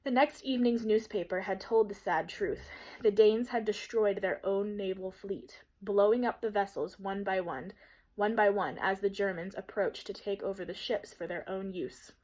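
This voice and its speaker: A woman teacher reading a children's novel aloud in a steady, gentle storytelling manner. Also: medium pitch, moderate pace, low-quality recording.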